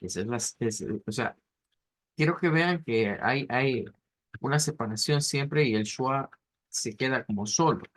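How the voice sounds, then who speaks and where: Slow, careful male pronunciation teacher. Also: medium pitch, a bit bright. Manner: repeats words slowly, splitting them into syllables. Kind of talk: class explanation.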